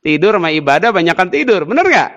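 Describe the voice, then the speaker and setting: A man giving a sermon, lively and teasing as he jokes with the audience. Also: high-pitched, fast, in a large hall. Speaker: preacher.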